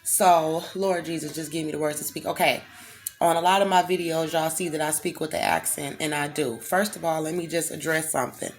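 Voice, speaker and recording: A woman's voice: low-pitched, fairly even intonation, fairly quick. A woman from the United States, speaking in an angry, emphatic, defensive monologue to the camera, her throat sounding strained. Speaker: vlogger.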